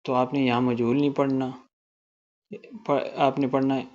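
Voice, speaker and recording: A man with a Pakistani Urdu accent teaching Quran recitation rules, explaining quickly and then chanting verses slowly and melodically. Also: medium pitch, level tone, darkish tone, muffled recording. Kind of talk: tajweed lesson with slow recitation.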